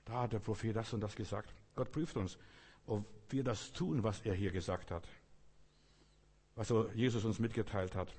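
A man delivers a sermon in a husky, slightly breathy voice, pressing his points hard and swinging between hushed intensity and loud exclamations. His words ring out with a long reverb, as if spoken in a large hall. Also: lowish voice. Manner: emphatic, alternating quiet intensity with raised exclamations. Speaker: preacher.

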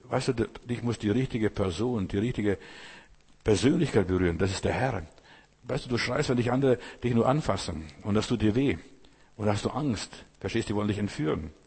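A man's husky, low voice with a darkish tone carries his sermon as he speaks straight to every listener. Repeated phrases and deliberate, weighty pauses mark his delivery, echoing with the long reverb of a hall.

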